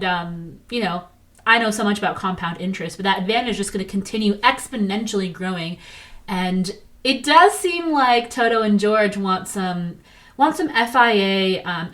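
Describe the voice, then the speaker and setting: A young woman hosting a casual solo podcast, chatty and jokey with quick asides. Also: medium pitch, a bit bright. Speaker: podcast host.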